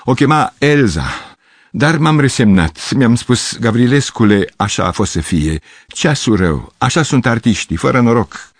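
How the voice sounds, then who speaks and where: A man's voice: fairly low pitch, sing-song, darkish tone, no echo, studio quality, pitched above the performer's own voice. A man doing a pompous, theatrical pianist. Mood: pathetic, agitated. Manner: pathetic, theatrical exclamations. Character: pompous middle-aged male pianist, dramatic.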